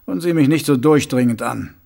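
A man doing a gruff, weary watch sergeant. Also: medium pitch, moderate pace, dark tone, natural voice. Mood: stern. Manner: curt, stiff, dry. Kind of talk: audiobook character voice.

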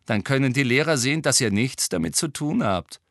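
A man's voice: mid-range voice, animated, fairly quick, creaky, a bit bright, no room sound, clean studio sound, pitched above the performer's own voice. A man voicing a cool, teasing teenage boy prankster in an audiobook. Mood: cocky.

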